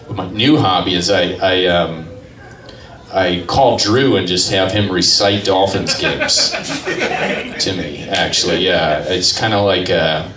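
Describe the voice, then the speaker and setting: A stand-up comedian in his thirties performs rambling, self-deprecating material at an open mic in a small gallery cafe. His voice sits low with a fairly bright tone. He speaks into a handheld mic on a stand, captured by a far-off camera in a roomy space.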